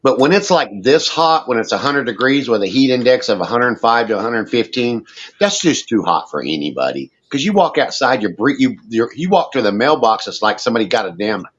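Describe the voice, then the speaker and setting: A man's voice: mid-range voice, big pitch swings, a little fast. A man in his fifties chatting casually in a folksy way, swearing easily. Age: 50s. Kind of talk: casual chat. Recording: dull, muffled sound.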